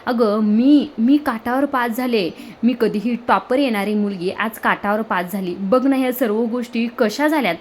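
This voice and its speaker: A woman's voice: fairly high pitch, normal speed, slight background noise, lightly acted. A woman reading the lines of an anxious young female student in a serial recap, in a worried, pleading manner.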